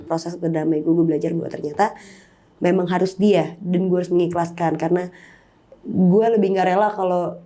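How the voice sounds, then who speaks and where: A woman's voice: on the low side, steady tone, normal speed, mellow. A woman, telling a personal story as an interview guest in a candid, emotional way, slipping in English words. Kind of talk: personal storytelling in casual chat.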